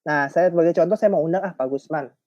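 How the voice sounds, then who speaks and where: A man's voice: on the high side, quick pace, darkish tone, no room sound, highs cut off. A man training teachers in an online webinar, chatty and joking as he walks the audience through each step.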